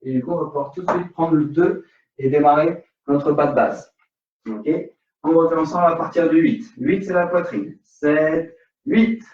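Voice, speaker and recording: A man's voice: on the high side, normal speed, darkish tone. A man with a French accent teaching an online salsa class, counting beats and singing rhythm syllables. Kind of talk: online dance class instruction. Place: dance studio. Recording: roomy, distant, dull studio sound.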